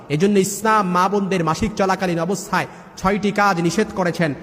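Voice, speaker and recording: A man's voice: high voice, in a large hall. A man preaching a sermon in an emphatic manner, setting out religious rulings one by one and reciting verses. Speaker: Islamic preacher.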